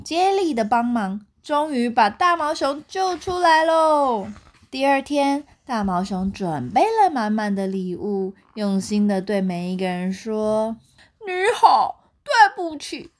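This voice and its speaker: A young mother with a Taiwanese Mandarin accent brings a picture book to life for her child at bedtime with animated storytelling. Her voice sits at a medium pitch.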